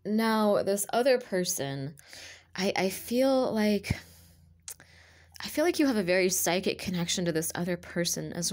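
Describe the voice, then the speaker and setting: This tarot reader's voice is on the low side, raspy, and broken by a lingering cough as she recovers from one. Indoors at a table covered in purple cloth, she talks casually to the camera, half-whispering card names while laying them out. The camera looks down on her hands and she stays out of frame.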